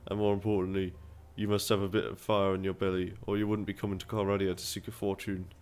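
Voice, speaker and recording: A man's voice: low voice, flat delivery, quick pace, a little mellow, clean tone, lightly acted. A man reading a game's dialogue aloud, voicing a scheming middle-aged male town merchant in a persuasive, businesslike way with put-on accents.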